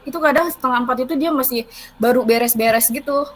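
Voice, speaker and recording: A woman's voice: sits high, quick pace, rough recording. A young woman, rambling through a story with fillers in casual podcast chat. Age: young adult. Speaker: guest storyteller.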